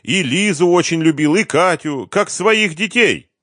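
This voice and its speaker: A man's voice: fairly high pitch, animated, a little slow, a bit bright, dry recording, clean studio sound, pitched above the performer's own voice. A man voicing a cowardly, terrified middle-aged man who pleads and stammers for mercy. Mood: pleading.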